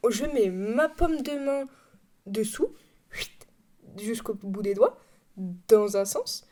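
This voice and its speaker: A young woman from France chats through her podcast from home, rambling and correcting herself as she goes, laughing often. Her voice sits fairly high but has a soft, mellow tone. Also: lively intonation, slow pace. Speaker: podcast host. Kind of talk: casual chat. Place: home room.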